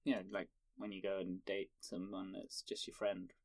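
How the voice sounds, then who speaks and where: A man's voice: deep voice, monotone, normal speed, no room sound. A man co-hosting a casual podcast, joking and wry as he riffs, in a tiny sound booth. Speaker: podcast co-host.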